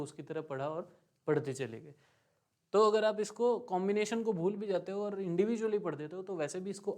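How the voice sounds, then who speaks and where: A man teaching a beginner German lesson, slowly drilling pronunciation by repeating words, with light joking asides. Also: fairly high pitch, darkish tone. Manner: slow, patient, drills words by repeating them. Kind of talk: online language lesson.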